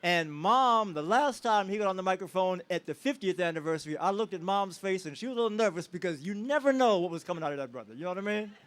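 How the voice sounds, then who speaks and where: A man's voice: sits high, lively intonation, fast talker, few pauses, a bit bright. A man giving an emotional tribute speech to a crowd at an outdoor celebration, working the audience with call-and-response questions.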